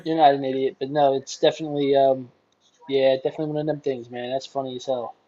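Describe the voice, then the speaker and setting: A man co-hosting a casual sports podcast, chatting in a relaxed way with short reactions. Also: medium pitch, fast talker, lo-fi sound. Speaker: podcast co-host.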